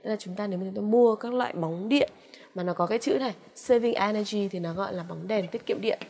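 Woman, Vietnamese accent, English teacher; drawn-out word drills, patient coaxing delivery with "ok" fillers. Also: medium pitch, a little mellow. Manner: slow, drawn-out repetition of English words; frequent "ok" and "à" fillers, coaxing "đúng không ạ?". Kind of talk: vocabulary lesson with pronunciation drills.

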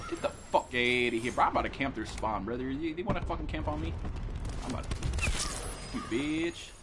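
A young man streaming a shooter game, cursing constantly, yelling and complaining in loose casual commentary. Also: mid-range voice, fairly quick, very noisy. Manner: excitable, swears constantly, yells and complains.

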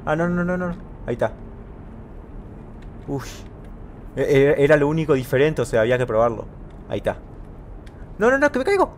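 A man's voice: mid-range voice, slight background noise. Spanish-speaking man thinking aloud through a game. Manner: thinks aloud, repeats words in bursts when rushed. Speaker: gameplay commentator. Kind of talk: casual let's-play commentary.

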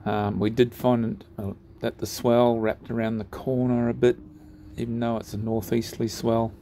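A man narrating his sailing trip over drone footage in a relaxed, unhurried way, with frequent ums and pauses. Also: medium pitch, a little hiss or hum.

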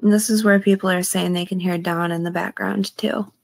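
A woman's voice: fairly low pitch, fairly even intonation, a little fast, gravelly, no echo. A woman commenting on a true crime case, reading out a call and hedging her views with "in my opinion.". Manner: hedging, often adds "in my opinion".

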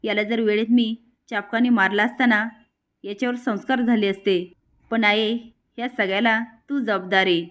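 A woman's voice: medium pitch, fairly even intonation, normal speed, natural voice. A woman reading the lines of an angry mother who scolds her son and her mother-in-law. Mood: scolding. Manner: sharp, scolding.

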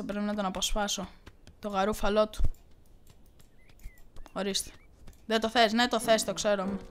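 Bright excitable woman gamer. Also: on the high side. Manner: excitable, shouting reactions and playful taunts. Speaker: gaming YouTuber. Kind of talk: let's play commentary.

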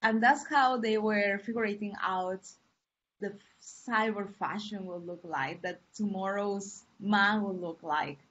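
A woman from Peru, a university lecturer, giving an online class in a friendly, unhurried way with fillers and pauses. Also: mid-range voice, fairly bright tone, slight background noise. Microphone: computer mic on a video call. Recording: muffled lo-fi call audio.

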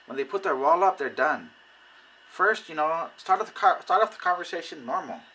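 A man giving casual how-to advice on recruiting people, animated and acting out conversations. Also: a little high, normal speed, slight background noise, poor audio. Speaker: network marketing recruiter. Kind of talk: casual how-to video talk.

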